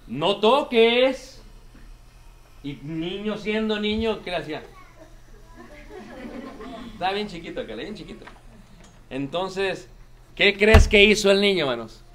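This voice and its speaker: A man preaches to his congregation in a high, bright, ringing voice. He hammers his points home by repeating them and keeps turning to the listeners. A faint hum of room noise sits behind him. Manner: emphatic, repeats lines, addresses congregation as brothers. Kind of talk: sermon.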